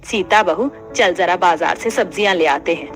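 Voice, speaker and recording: A woman's voice: lowish voice, moderate pace, a bit bright, faint music behind, lightly acted. Stingy cartoon mother-in-law, voiced by a woman. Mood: scolding. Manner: scolding, penny-pinching. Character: stingy older mother-in-law, bossy and thrifty. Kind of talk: animated story voice acting.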